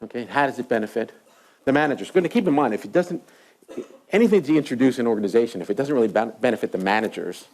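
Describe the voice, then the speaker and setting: A man's voice: mid-range voice, animated, fast, darkish tone, slight background noise. A middle-aged man giving a university lecture, telling stories with animation and asking the audience rhetorical questions. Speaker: associate professor lecturing.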